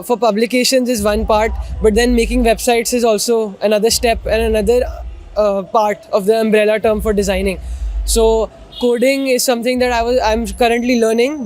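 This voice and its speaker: A teenage boy speaks in a high, youthful voice with a posh, educated Indian accent. His intonation stays quite flat as he gives polite, articulate answers as a student being interviewed. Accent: educated Indian English. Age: teenager, about 15. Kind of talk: earnest interview explanation.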